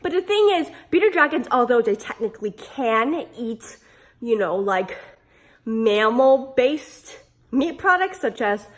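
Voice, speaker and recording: Female pet-care vlogger, high register, hoarse smoker's rasp from being sick, casual and playful. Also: very animated, measured pace. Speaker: pet care video host. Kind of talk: casual instructional vlog.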